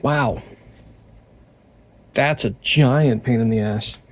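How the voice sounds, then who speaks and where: A man's voice: medium pitch, takes it slowly. A man working as a guitar repair technician, talking casually through the job and muttering to himself between tasks. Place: repair workshop.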